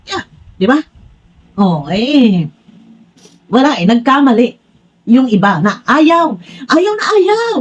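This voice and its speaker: A woman's voice: on the high side, expressive, takes it slowly, pauses often, husky, highs cut off. A blunt, frank woman talking straight to her viewers in a casual commentary vlog, rambling with many restarts. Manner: blunt, frank, says she is direct to the point. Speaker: vlogger commenting on online personalities.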